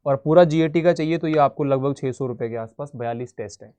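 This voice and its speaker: A man's voice: mid-range voice, quick pace, darkish tone. A man teaching exam strategy in an informal lesson, talking directly to students with casual, blunt encouragement. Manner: direct, addresses students as "beta" and "yaar".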